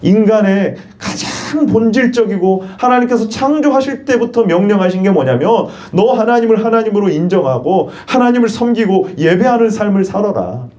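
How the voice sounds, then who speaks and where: A man's voice: high voice, lively intonation, moderate pace, few pauses, darkish tone. A male pastor preaching a sermon in church. He poses questions and leads the congregation in repeating phrases.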